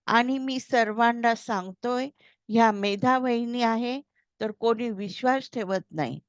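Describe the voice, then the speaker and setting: Woman reading an excited young man, slow and eager, dull dry sound. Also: on the high side, no room sound, close to an everyday voice. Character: young man, excited, talkative office worker. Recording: slightly dull, dry recording.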